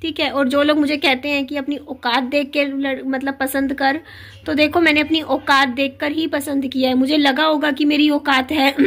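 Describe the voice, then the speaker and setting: In this personal video message, a widowed adult woman speaks in a high, fairly bright voice with a level tone. Her pace is moderate with few pauses as she earnestly confesses something to viewers, frequently restarting and filling gaps, her throat slightly sore.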